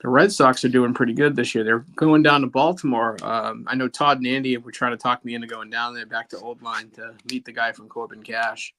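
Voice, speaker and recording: A man with a Boston accent who talks fast and slurs his words, hosting a casual live-stream chat. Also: mid-range voice, steady tone, a bit bright.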